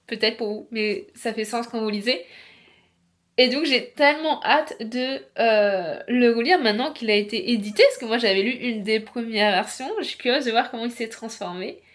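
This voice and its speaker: A chatty young woman with a slightly high voice, rambling casually to camera in a book vlog. She talks loosely, with lots of fillers and restarts. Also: moderate pace. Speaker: book vlogger.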